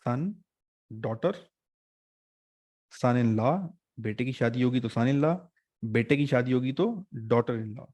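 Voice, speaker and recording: A male teacher runs an online exam-prep class in a chatty, joking way. His voice sits at an ordinary middle pitch and is recorded dry and close on a desk mic, with no room sound. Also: slow, long pauses, darkish tone, dry recording. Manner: chatty, joking teacher mixing English terms.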